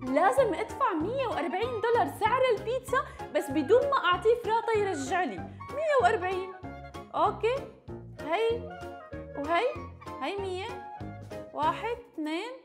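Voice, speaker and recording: A woman with a Levantine Arabic accent giving playful, animated gameplay commentary, full of gasps, giggles and dramatic outbursts. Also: extremely high pitch, fairly quick, music in the background. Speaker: gaming YouTuber.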